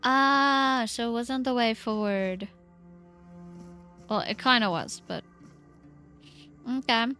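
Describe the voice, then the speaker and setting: A woman's voice: on the high side, fairly even intonation, slow pace, pauses often, sharp tone, soft background music. A woman streaming a game in casual, chatty commentary, talking to herself, giggling and trailing off mid-thought.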